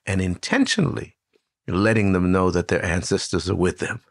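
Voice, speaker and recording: An older man hosting an interview, telling stories in a lively, conversational way with frequent restarts. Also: deep voice, normal speed, no echo. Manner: warm storyteller, animated with many restarts. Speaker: host.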